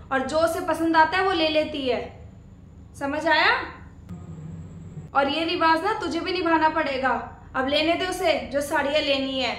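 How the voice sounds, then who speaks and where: Woman doing a bossy strict mother-in-law, high voice, scolds a lot, echoey room. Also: a bit bright, a little hiss or hum. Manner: scolding, commanding. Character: domineering middle-aged mother-in-law, stern and scolding. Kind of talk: family skit drama.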